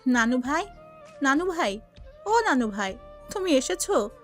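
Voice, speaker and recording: A woman's voice: high-pitched, animated, extremely slow, soft background music, exaggerated voice. Woman doing a tearful, overjoyed mother. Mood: doting. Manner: calls out loudly, tearful and doting. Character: emotional, overjoyed middle-aged mother.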